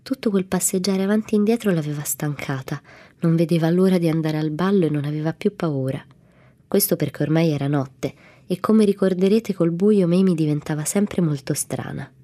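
A woman reading a classic children's storybook aloud in a calm, even manner. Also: fairly low pitch, a little fast. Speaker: audiobook narrator.

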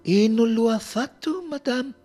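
A man's voice: very high-pitched, a little slow, mellow, faint music behind, voice pushed up. A man voicing a shrewd middle-aged detective who presses his questions with pointed insistence. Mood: probing.

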